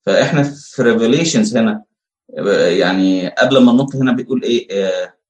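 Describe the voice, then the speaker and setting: A man with an Egyptian Arabic accent preaching a conversational sermon, asking rhetorical questions and pausing on fillers. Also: mid-range voice. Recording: echoey room.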